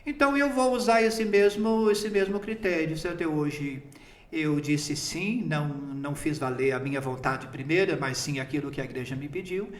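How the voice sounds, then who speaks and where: Man in his fifties, priest, chatty storyteller, slightly high voice, echoey room. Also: moderate pace. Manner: chatty storytelling, often breaking into laughter. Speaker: priest named bishop. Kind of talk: recounting a personal story in an interview.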